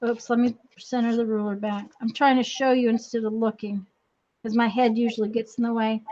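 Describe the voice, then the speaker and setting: A woman casually hosting a live craft demonstration in a halting, folksy, apologetic way, her voice repeating with a strong echo. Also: fairly high pitch, flat delivery, dark tone. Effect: strong distracting echo on the voice. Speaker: craft tutorial host. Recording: dull lo-fi sound with bad echo.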